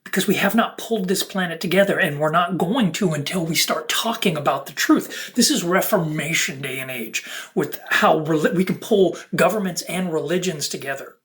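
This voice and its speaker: Addressing viewers off the cuff, this content creator preaches in emphatic, choppy phrases. Their slightly bright, mid-range voice keeps a moderate pace with few pauses.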